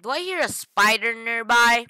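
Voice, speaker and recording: A woman's voice: on the high side, lively intonation, normal speed, bright, forceful tone, clear, resonant tone, no echo. A woman hosting a gaming channel, rambling through casual gameplay commentary with self-mocking jokes and stammered restarts. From Philippines.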